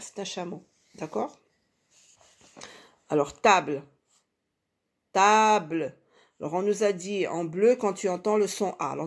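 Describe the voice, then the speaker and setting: A woman giving an early reading lesson to children, sounding out words syllable by syllable and repeating them patiently. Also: fairly low pitch. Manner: slow, syllable-by-syllable, emphatic on key sounds. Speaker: teacher.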